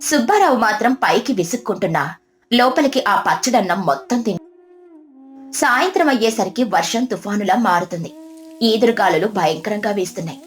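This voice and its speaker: A woman narrating a scripted moral story in a steady, expressive reading voice. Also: mid-range voice, a little fast.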